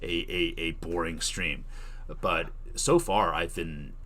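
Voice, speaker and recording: A man's voice: low-pitched, fairly even intonation, slow pace, pushed and bright, slight background noise. A man talking casually on a livestream, answering questions as he thinks aloud and rephrases. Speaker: streamer giving tutorial and answering chat questions.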